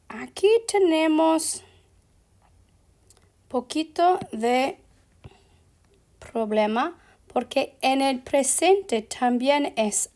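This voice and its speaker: A woman teaching a language lesson, explaining verb endings slowly and deliberately, dropping English fillers like "so" and "ok" between her Spanish. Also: fairly high pitch, a little mellow. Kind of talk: slow classroom explanation.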